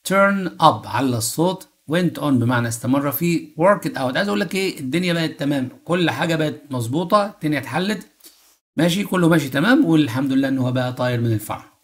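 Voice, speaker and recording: A man speaking Egyptian Arabic, an English teacher in an exam-prep lesson, who reads English sentences slowly and then translates them quickly. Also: a little high, expressive. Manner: asks rhetorical questions and checks in with "okay?".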